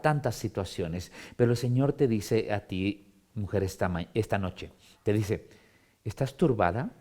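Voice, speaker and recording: A male pastor leads a streamed Bible study. His pitch swings widely as he works through the passage. He dramatizes the scripture, repeating key words for emphasis. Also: warm tone. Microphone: streamed broadcast.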